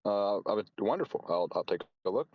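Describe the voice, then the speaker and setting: A man chatting casually as a player in a tabletop role-playing game, haltingly talking through his plans. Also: on the low side, lively intonation, dry recording, dull audio. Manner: halting, repeats and reformulates as he plans.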